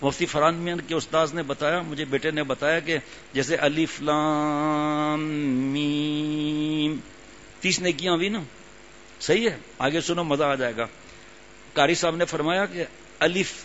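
An older religious teacher speaks informally during a sermon, his voice sitting a bit high. For emphasis he keeps coming back to repeated phrases. The recording is dull and lo-fi, with a gentle hum in the background.

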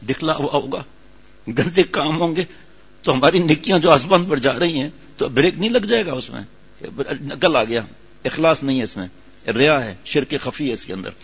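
A religious preacher with a fairly bright, slightly rough voice on the high side tells a story in his sermon, then urges his listeners on with growing emphasis. The recording has a dull, lo-fi sound.

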